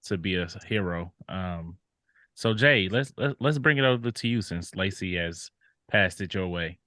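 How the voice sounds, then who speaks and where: A man's voice: low-pitched, expressive, moderate pace, pushed and bright, no echo. A man hosting a casual podcast, playful and joking as he passes the talk to each guest. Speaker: podcast host.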